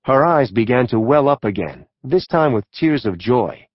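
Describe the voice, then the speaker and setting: A man's voice: mid-range voice, animated, moderate pace, lo-fi sound. Man narrating a true-crime audiobook.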